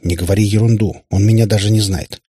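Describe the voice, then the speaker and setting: A man with a husky voice reading an audiobook and voicing a sharp-tongued, boastful young witch girl. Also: fairly low pitch, steady tone, no room sound, studio quality. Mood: scoffing. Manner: teasing, boastful, quick to scoff.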